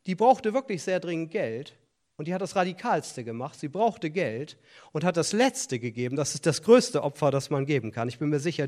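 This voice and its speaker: A middle-aged man delivers a sermon in a fairly high voice. He is earnest and insistent, breaking off for joking asides and restarting his sentences. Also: darkish tone. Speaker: preacher. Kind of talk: sermon on tithing and offerings.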